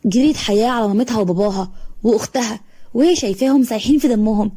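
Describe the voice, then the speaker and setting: Egyptian woman storyteller, quick, warm, slightly high. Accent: Egyptian Arabic. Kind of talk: scripted story narration.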